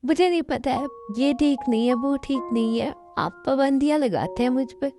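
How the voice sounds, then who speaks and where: A woman's voice: normal speed, warm tone, faint music behind. A woman voicing a clingy young wife who sulks and pleads, in an amateur fan-story dub. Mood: sulky. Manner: sulky, pleading and high.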